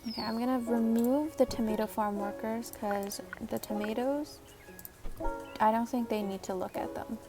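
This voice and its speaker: A woman's voice: on the high side, steady tone, moderate pace, music in the background. A woman streaming a building game, chatting playfully and slipping into mock-dramatic outbursts. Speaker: vtuber streamer. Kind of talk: casual gameplay commentary.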